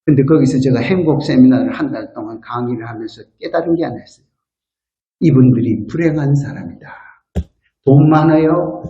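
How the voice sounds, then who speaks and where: An older man, a guest elder, preaching a lively revival sermon from the church floor. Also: fairly quick, vocal fry. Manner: lively, acts out quotes with big pitch swings. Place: church sanctuary floor, not the pulpit. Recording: roomy, dull lo-fi church recording.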